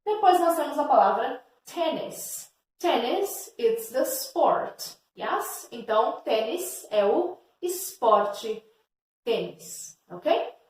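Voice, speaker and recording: A woman whose first language is Portuguese teaching an English lesson, slow and patient, checking in with "yes?" and "ok?" again and again. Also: high-pitched, lively intonation, darkish tone. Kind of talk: recorded online lesson. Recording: echoey room, distant mic.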